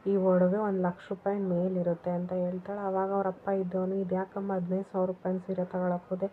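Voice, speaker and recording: A woman's voice: lowish voice, monotone, brisk. A woman casually retelling a TV serial episode, quoting the characters' lines as she goes. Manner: retells scenes, voicing each character's lines in quotes. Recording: tinny phone-like audio, faint noise.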